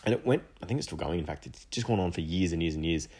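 A man's voice: deep voice, lively intonation, fast talker, darkish tone, slightly rough. A man hosting an education podcast alone, talking enthusiastically and rambling with restarts and asides. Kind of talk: solo podcast monologue.

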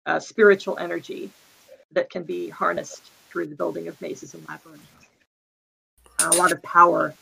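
A woman's voice: fairly low pitch, gravelly, a bit bright, a little hiss or hum, poor audio. A woman playing a tabletop game, speaking in character in an earnest, hesitant way with many fillers. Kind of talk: in-character role-play.

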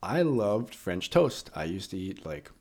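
A man from Canada chatting casually over a conversation card game, thinking aloud with relaxed restarts. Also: low voice, unhurried. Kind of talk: casual chat.

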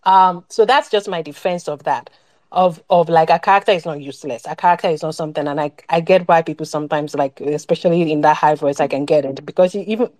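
A woman with a fairly low voice chats casually about a movie on a podcast. She rambles, restarts sentences and reaches for words as she goes. The sound is dry and close, with no room around it. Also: quick pace, darkish tone, no room sound. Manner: rambling, many restarts and fillers. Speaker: podcast co-host. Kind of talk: casual film discussion.

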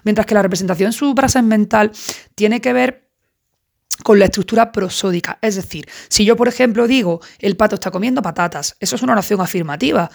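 A woman's voice: medium pitch, a little fast, vocal fry. A woman from giving a casual recorded university lecture, often tagging her points with questioning asides. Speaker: university tutor.

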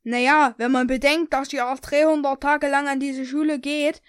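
A woman's voice: high-pitched, level tone, moderate pace, dry recording, clean studio sound, close to an everyday voice. A woman reading the lines of an angry male school principal from her own story. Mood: scolding.

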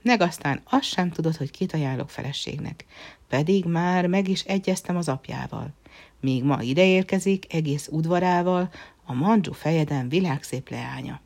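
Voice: medium pitch, vocal fry. A storyteller voicing a stern, hot-tempered emperor father who gives commands, in a fairy-tale reading. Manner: commanding, shouting.

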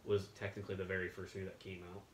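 A man's voice: low-pitched, monotone, racing, a little hiss or hum. A man co-hosting a podcast, chatting casually and rambling enthusiastically. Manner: rambling, enthusiastic, laid-back. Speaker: podcast co-host. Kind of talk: casual chat. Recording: echoey room with faint ambience.

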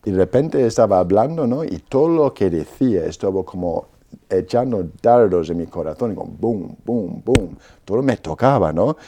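Low mellow-voiced man telling his story. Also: lively intonation, normal speed. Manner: storytelling with frequent "¿no?" tags and restarts. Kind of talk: personal testimony in an interview.

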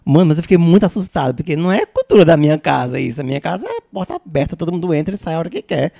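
A man with a Brazilian accent in casual chat, expressive and quick to exclaim. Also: a little high, gravelly, dry recording, clean studio sound. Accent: Brazilian Portuguese.

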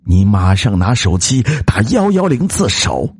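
A man voicing a young woman who poses as a vengeful ghost, shrill and wailing, then icy. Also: lively intonation, slow pace, husky, no echo, exaggerated voice. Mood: cold.

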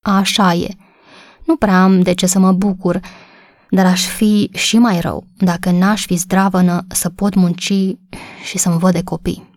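A woman's voice: lowish voice, level tone, a little mellow, no echo, close to an everyday voice. A worn-out poor mother in a storybook, speaking in a tired, subdued voice, as a woman narrator puts her on. The sound is dry and close. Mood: weary. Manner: subdued, tired and plain-spoken.

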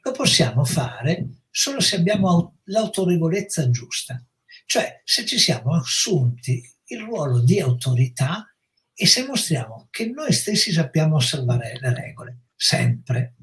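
A middle-aged man, a psychologist, explaining with measured, reflective pacing in an educational talk. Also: fairly high pitch, big pitch swings, a bit bright. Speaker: psychologist guest.

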